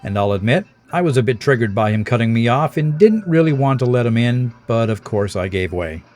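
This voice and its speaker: A man's voice: mid-range voice, lively intonation, a little fast, a little mellow, soft background music. A man reading scripted voice-over narration as the host of a dash cam series.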